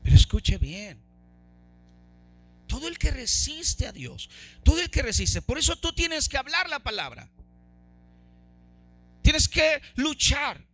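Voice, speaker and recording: A man preaching a sermon as pastor, fervent, swinging between loud exclamations and soft low asides. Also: sing-song, takes it slowly, pauses often, soft background music.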